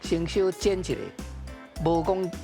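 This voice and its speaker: A man's voice: sits high, flat delivery, a little slow, over music. A man with a Taiwanese Hokkien accent giving unscripted, didactic commentary as a quiz show's language expert, often adding filler particles.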